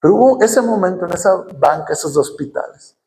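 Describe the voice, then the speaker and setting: A middle-aged man with a Mexican accent, a pastor telling a personal story and then preaching with mounting, shouted passion in a church. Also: sits high, animated, brisk, gravelly, slight background noise. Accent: Mexican Spanish. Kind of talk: sermon.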